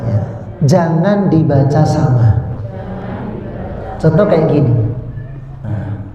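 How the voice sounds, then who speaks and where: A man with a Javanese accent teaching parents in a lecture, speaking deliberately, repeating key points and demonstrating sounds. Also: on the high side, animated, a crowd in the background. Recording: dull echoey hall with faint noise.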